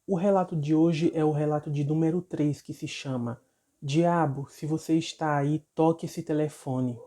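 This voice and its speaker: A woman's voice: low-pitched, fairly even intonation, normal speed, dark tone. A woman with a Brazilian accent narrating a viewer's supernatural story in a casual, chatty way, with asides to her audience. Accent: Brazilian Portuguese. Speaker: storyteller and channel host. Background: background music.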